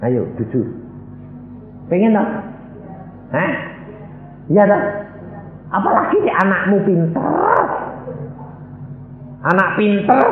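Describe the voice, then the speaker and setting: A man preaching a sermon, animated and teasing his listeners with questions and mock prayers. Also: mid-range voice, echoey room, phone-quality sound. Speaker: evangelist preacher. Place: church.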